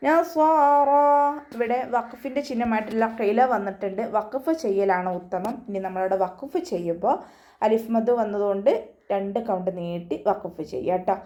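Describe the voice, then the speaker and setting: In an online tajweed class, a woman patiently corrects Quran recitation pronunciation step by step, her voice mellow. Between explanations she chants verses slowly and at a higher pitch. The audio has its highs cut off.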